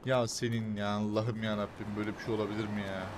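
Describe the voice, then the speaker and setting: A young man doing casual let's-play commentary, excitable and quick to grumble and swear at the game. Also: lowish voice, background noise. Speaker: gameplay commentator.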